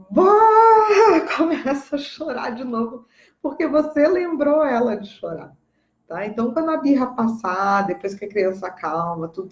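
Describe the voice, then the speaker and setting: A woman's voice: a little high, a little mellow, roomy sound, highs cut off. A woman with a Brazilian Portuguese accent, a parenting educator giving casual, emphatic advice and often checking in with her listeners.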